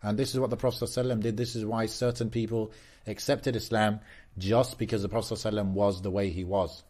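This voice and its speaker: A man co-hosting a podcast in casual chat, relaxed and affirming, speeding up when he makes a point. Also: fairly low pitch, rapid-fire. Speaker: podcast co-host.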